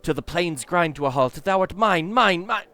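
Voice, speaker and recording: A fiend-possessed woman, acted by a male game player, speaks as an imperious dark lord. The voice is pitched up and forceful, swinging widely through archaic, bombastic curses. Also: lively intonation, normal speed. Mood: menacing, gloating.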